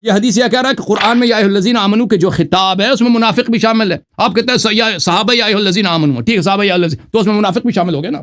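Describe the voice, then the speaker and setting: A man's voice: high voice, few pauses, a bit bright. A man in a live debate making a rebuttal, arguing with rhetorical questions and reciting Arabic scripture.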